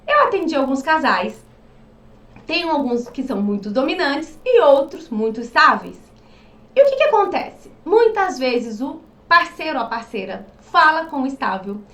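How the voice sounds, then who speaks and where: A woman coaching on behavioral profiles in a casual, animated way, asking rhetorical questions and acting out quoted voices. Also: high voice, moderate pace. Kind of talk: casual teaching monologue. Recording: echoey room, mic at a distance.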